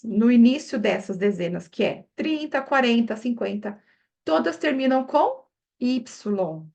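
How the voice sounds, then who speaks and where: Slow, gravelly-voiced woman teaching pronunciation. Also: a little high, muffled recording. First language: Portuguese. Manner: slow, exaggerated mouth movements for pronunciation; models words one by one, asking learners "né?". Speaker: English teacher. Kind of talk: pronunciation lesson.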